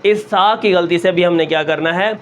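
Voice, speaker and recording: A man teaching Quran recitation step by step, asking questions and answering them himself, and stretching sounds slowly to show them. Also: high voice, fairly even intonation, a bit bright, highs cut off, a little hiss or hum. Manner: asks the class a question, then answers it himself; draws out sounds long and slow to show them.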